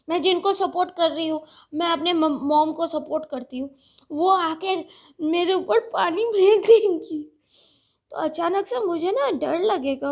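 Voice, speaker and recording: A woman vlogger chatting unscripted to her viewers, speaking slowly and deliberately with many fillers and restarts. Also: very high-pitched, a little mellow. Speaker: vlogger reviewing a reality show. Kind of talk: casual unscripted chat to viewers.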